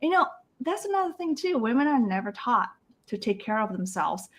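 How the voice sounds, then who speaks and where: This is a fairly high, very animated female voice that runs a little fast. The speaker, a middle-aged life coach from Indonesia, reflects earnestly while telling stories in an interview, with frequent restarts, quoted voices of others, and plenty of small laughs.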